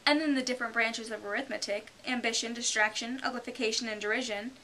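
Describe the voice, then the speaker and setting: A woman's voice: fairly high pitch, fairly even intonation, bright, forceful tone, pitched above the performer's own voice, rough recording. A woman voicing a mournful, touchy old male turtle creature, telling his story plaintively. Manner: plaintive, easily offended, slow storytelling. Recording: hissy home recording.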